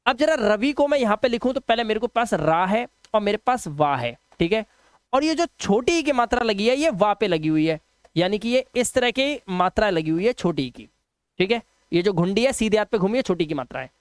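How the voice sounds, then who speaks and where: A man's voice: sits high, animated, fairly quick, smooth, dry recording, studio quality. A man teaching a video lesson, patient and repetitive, often asking the viewers questions. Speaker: English teacher. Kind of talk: classroom-style video lesson.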